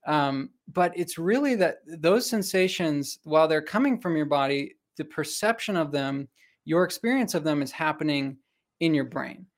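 Male co-host, somewhat high voice, informal and halting science explainer. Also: animated. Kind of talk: casual explanatory science talk.

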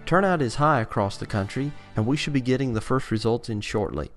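A man playing a male news anchor who reports on an election with an even, measured newsreader delivery. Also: mid-range voice, faint music behind, close to an everyday voice.

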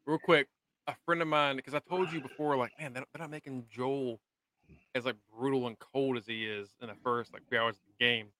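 A man's voice: mid-range voice, fairly even intonation, fairly quick, sharp tone, no echo. Laughing man on a podcast. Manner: laughing, talkative, swears freely. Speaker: podcast co-host. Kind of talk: casual chat recapping a show.

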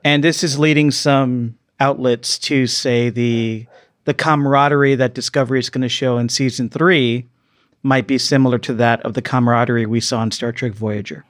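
A man's voice: mid-range voice, steady tone, moderate pace, dry recording. A man hosting a casual podcast, steering the talk with jokes. His voice sits in an ordinary middle range. The sound is dry and close, with no room around it. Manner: joking, leads the segments. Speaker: podcast host. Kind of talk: casual chat. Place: studio, live stream.

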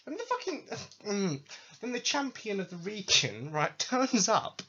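A man rants his way through a comedy podcast, swearing often and sounding sarcastic and fed up. His voice is bright and a little husky, with pitch swooping widely, recorded on a dull lo-fi mic. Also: huge pitch swings, unhurried. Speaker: podcast host. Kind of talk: comedic rant.

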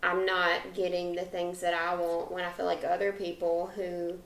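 A woman's voice: fairly low pitch, monotone, moderate pace, fairly bright tone, reverberant, low-quality recording. A woman in her twenties co-hosting a podcast, talking candidly in a chatty way and laughing between phrases. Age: 20s. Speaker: podcast co-host. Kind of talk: casual podcast chat.

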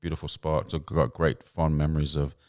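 A man's voice: a bass voice, level tone, fairly quick, a little mellow, no echo, clean studio sound. A man hosting a design podcast, chatting with a guest in a rambling, self-interrupting way. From England. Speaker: podcast host.

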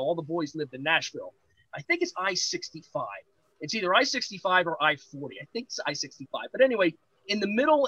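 High bright-voiced storytelling man. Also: dry recording, poor audio. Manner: lively anecdote-teller, acts out quoted voices. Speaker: podcast guest, pro wrestler. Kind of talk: animated storytelling.

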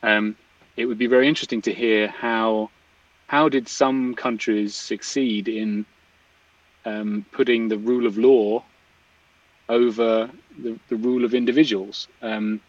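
A man thinks aloud in casual explanatory talk, halting and rephrasing often. He sits away from the mic, and the recording is dry and a little muffled. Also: on the low side, flat delivery, no echo. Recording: distant mic, slightly dull, dry sound.

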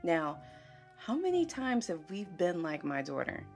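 A woman in her thirties hosts a casual podcast monologue, her low voice carrying a gravelly fry. Her pitch swings widely as she tells stories, laughing often and checking in with listeners. Faint music plays behind her. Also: sing-song, measured pace. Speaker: podcast host.

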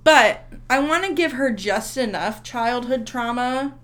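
A woman's voice: on the high side, animated, a little slow, fairly bright tone. Blunt, dry-humored woman co-host. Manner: blunt, dry, swears freely. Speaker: podcast co-host. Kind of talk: casual chat.

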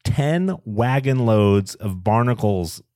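A lively man co-hosting a nerdy podcast, his voice swinging up and down as he chats. He jokes around, dropping pirate "arr"s, and sounds close and dry with no room echo. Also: on the low side, slow pace. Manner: animated, playful, drops pirate "arr"s. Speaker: podcast co-host. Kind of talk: casual chat.

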